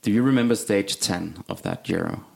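A man's voice: low-pitched, moderate pace, vocal fry, a little mellow, husky. A man hosting a casual chat, swapping blunt, profane racing memories.

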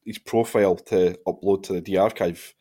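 A man's voice: deep voice, fairly even intonation, warm tone. A Scottish man in his thirties hosting a casual football podcast, bantering and reading out listener questions. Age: 30s. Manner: bantering, quick laugh, reads listener questions. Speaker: podcast host.

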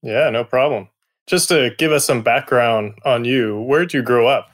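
A man's voice: mid-range voice, measured pace. A man co-hosting a podcast interview, joking and chiming in with short reactions. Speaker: podcast co-host. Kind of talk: interview chat.

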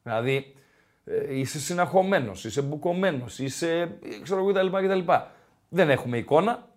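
A man's voice: on the high side, lively intonation, darkish tone. A male sports radio host talking football in a casual, rambling way with many filler sounds, in a radio studio.

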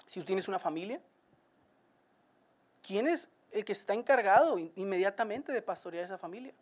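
A woman's voice: medium pitch, expressive, moderate pace. A woman preaching a sermon, speaking earnestly and directly to listeners and repeating words as she builds each point.

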